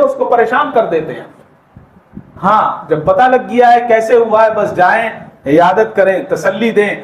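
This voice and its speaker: A man preaching a sermon at a mosque gathering, telling stories and swinging from raised to hushed delivery. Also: very high voice. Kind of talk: sermon with storytelling. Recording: echoey hall.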